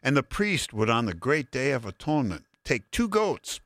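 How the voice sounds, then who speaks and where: A man preaching a sermon, expounding Bible verses in a deliberate, emphatic way to listeners. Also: medium pitch, big pitch swings, a bit bright, no echo, clean studio sound. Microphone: broadcast sermon addressing listeners.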